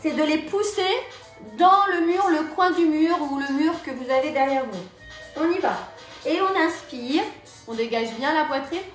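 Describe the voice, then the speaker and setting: A woman's voice: sits high, animated, moderate pace. A woman instructor leading a live Pilates and yoga class, cueing breaths and movements step by step. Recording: very echoey room, mic far off, music behind.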